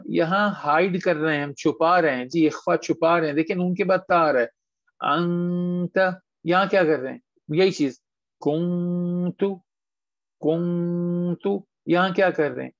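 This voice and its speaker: A man teaching tajweed in an online class, patiently questioning students and drawing words out slowly as models. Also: a little high, a bit bright, no echo. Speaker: Quran recitation teacher. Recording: dull lo-fi online call audio.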